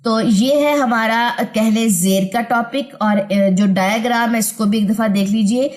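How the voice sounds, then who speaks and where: A woman's voice: a little high, darkish tone. A woman teaching an online tajweed lesson, patiently drilling sounds and checking understanding.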